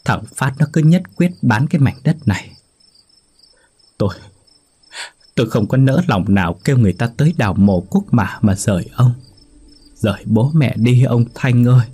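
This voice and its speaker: A man's voice: medium pitch, animated, moderate pace, pauses often, mellow, breathy edge, voice pushed up. A man putting on a sobbing old mother. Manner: wailing, sobbing pleas. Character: grieving old mother, desperate and pleading.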